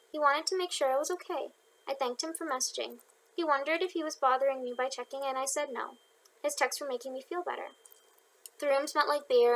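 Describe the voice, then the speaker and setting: A woman's voice: high voice, a bit bright, low-quality recording. A young woman reading her own audiobook aloud in an informal way, with slips and chatty asides to listeners. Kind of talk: audiobook narration.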